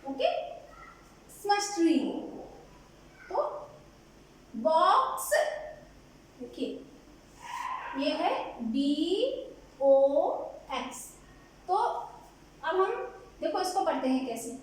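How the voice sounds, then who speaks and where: A woman's voice: extremely high pitch, very animated, very slow, long pauses. A woman teaching phonics patiently, repeating letter sounds and asking questions. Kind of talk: phonics lesson. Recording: very echoey room.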